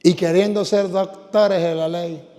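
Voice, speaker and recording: Emphatic priest preaching. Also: male voice, high voice, fairly even intonation, measured pace, dark tone, long reverb tail. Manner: emphatic, repeats lines for the congregation. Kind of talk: sermon.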